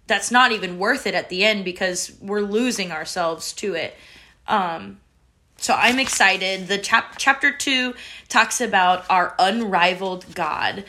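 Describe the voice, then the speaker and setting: A woman's voice: a little high, bright, forceful tone. A woman hosting a faith book club discussion on a video call, speaking in an encouraging, reflective way. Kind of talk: casual group discussion.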